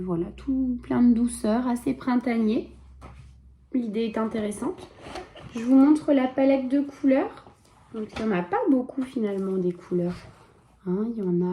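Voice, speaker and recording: A woman with a mellow, soft voice chats about her stitching in a relaxed show-and-tell. She hesitates often and fills pauses with small sounds. Now and then her voice drops to a murmur. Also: medium pitch, a little hiss or hum. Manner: chatty, hesitant, many fillers; soft, sometimes drops to a murmur while checking. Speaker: embroidery vlogger.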